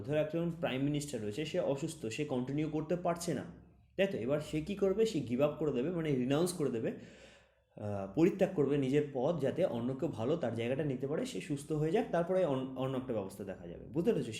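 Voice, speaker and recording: A man's voice: on the high side, mellow. A man teaching exam-prep vocabulary, explaining with many examples and often asking if students have understood. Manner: asks "understood?" after each point.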